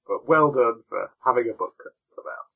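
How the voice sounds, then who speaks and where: A man's voice: mid-range voice, expressive, normal speed, vocal fry. A man hosting a podcast in casual chat, reading out news and rambling as he clicks through links, his voice tinny from the wrong microphone on an online call. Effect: tinny, lo-fi wrong-microphone sound. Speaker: podcast host.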